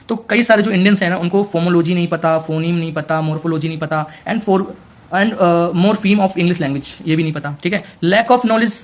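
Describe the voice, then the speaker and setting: Man, high-pitched, exam-prep lecture, mixed Hindi and English, repetitive, constant check-ins. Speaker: teacher.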